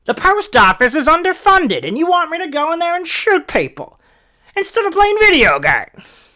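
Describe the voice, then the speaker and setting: A man mocking a shrill whiny gamer. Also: wildly swooping pitch, pushed and bright, heavily acted. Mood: hysterical whine. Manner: shrieking, drawn-out, hysterical whine. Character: whiny shrill young male gamer ranting.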